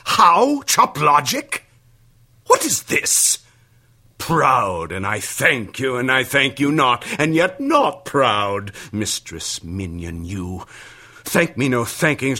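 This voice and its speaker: A man's voice: fairly high pitch, exaggerated voice. An actor playing a furious, domineering older nobleman who blusters and threatens his daughter in classical verse. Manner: blustering, shouting threats, then cold and menacing. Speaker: actor in a stage play.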